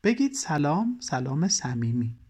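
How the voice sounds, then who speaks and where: A language teacher explaining a conversation lesson in calm, measured instructional narration. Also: mid-range voice, breathy edge.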